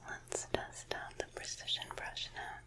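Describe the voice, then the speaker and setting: In a whispered role-play, a woman plays a painter guiding a sitter, speaking gently and soothingly right into the listener's ear through a close binaural microphone. She's a little slow, lingering on words and repeating them.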